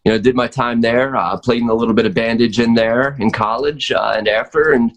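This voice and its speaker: This forties-aged American podcast guest from North Wales, Pennsylvania has a mid-range voice with fairly even intonation and a fairly quick pace. His casual chat is relaxed yet hesitant as he looks back on the past.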